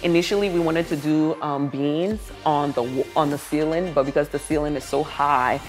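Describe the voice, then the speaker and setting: A woman's voice: low-pitched, steady tone, normal speed. A woman giving a casual home makeover tour to viewers, gushing admiringly about the decor as she goes. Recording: music behind the voice. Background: background music.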